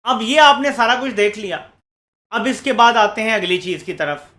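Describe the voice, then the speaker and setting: A man's voice: sits high, normal speed, bright, forceful tone. A man giving TV political commentary in an insinuating tone, posing leading rhetorical questions. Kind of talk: TV news commentary.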